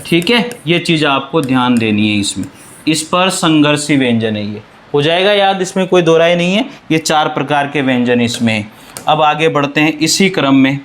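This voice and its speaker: Male tutor, Rajasthani Hindi accent, high voice, drills terms with repeated questions. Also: expressive, moderate pace, fairly bright tone. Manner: addresses students as companions, reassuring. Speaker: Hindi grammar teacher. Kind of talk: classroom lecture.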